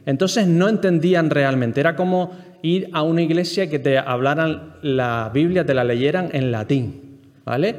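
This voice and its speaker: Higher-voiced Spanish man teaching in a hall. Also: normal speed. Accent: Spain Spanish. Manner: explanatory, keeps checking in with the listeners and asking them questions. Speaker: Bible teacher. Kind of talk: Bible class lecture to a group.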